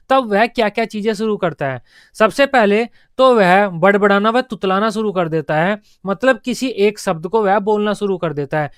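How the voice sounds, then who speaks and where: High, clear-voiced male teacher. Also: no echo, studio quality. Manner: explains step by step, repeats key points. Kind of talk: exam-prep lecture.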